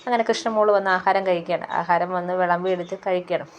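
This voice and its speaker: Fast, flat-voiced woman retelling a serial. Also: on the low side, muffled recording, slight background noise. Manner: rambling, with many fillers and repeated "she says" tags. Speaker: serial episode recapper. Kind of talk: casual spoken retelling of a TV serial episode.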